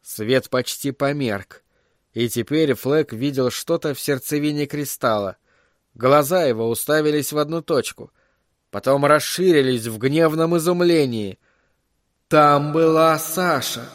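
A man's voice: on the high side, a little slow, no echo. Man narrating a storybook, dry sound. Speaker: audiobook narrator.

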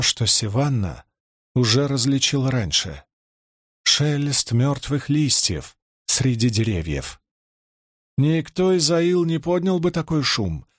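A man reading a fantasy novel aloud as an audiobook narrator, with an expressive storytelling delivery. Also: medium pitch, no room sound, studio quality.

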